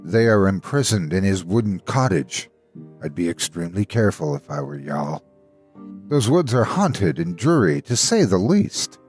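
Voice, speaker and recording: A man's voice: low voice, very animated, normal speed, darkish tone, soft background music. A man voicing Dorwin, a worried villager who speaks earnestly and pleads.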